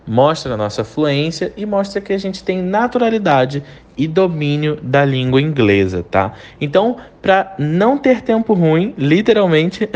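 A man teaching an English lesson in Portuguese, lively and chatty, repeating each English phrase slowly for the student to copy. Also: a little high, dull audio.

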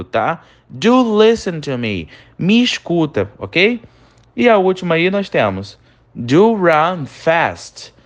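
A man teaches English in a recorded lesson, at a middle pitch. He explains grammar patiently, checks in with the listener constantly, and slows right down to sound out each English example with stress. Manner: explanatory, models English phrases slowly and emphatically; frequent tag questions like né and tá.

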